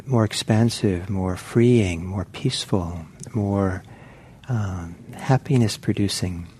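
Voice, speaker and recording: Leading a meditation session online, a Norwegian-born man delivers a soft, hesitant dharma talk, pausing often and using many fillers. He speaks at a fairly low pitch with a breathy edge.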